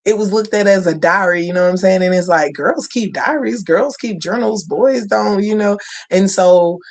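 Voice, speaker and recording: A man hosts a community radio talk show, chatting in a conversational, affirming way and saying "you know" a lot. His voice sits high and gravelly, at a normal speed.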